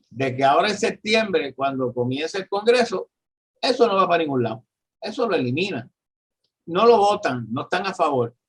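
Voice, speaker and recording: A man in his seventies with a Puerto Rican accent, talking earnestly in a political discussion and often pausing to find his words. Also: high-pitched, fairly bright tone, husky. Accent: Puerto Rican Spanish. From Puerto Rico. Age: 70s. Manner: earnest, searching for words, repeats himself. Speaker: guest commentator.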